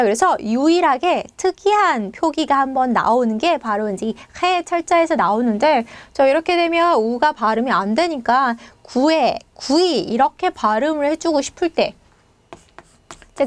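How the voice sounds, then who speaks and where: A woman teaching a Spanish pronunciation lesson, explaining patiently and saying each example word slowly twice. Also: sits high, no echo.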